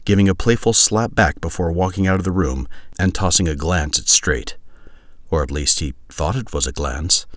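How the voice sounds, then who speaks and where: Deep-voiced deadpan male narrator. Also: dry recording, clean studio sound. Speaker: audiobook narrator. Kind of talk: scripted narration of a comic sci-fi story.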